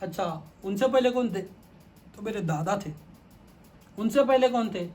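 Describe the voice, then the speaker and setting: A man's voice: sits high, animated, a little mellow. A man voicing a proud, hot-tempered king who boasts indignantly of his royal lineage, within a spoken story. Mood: boastful.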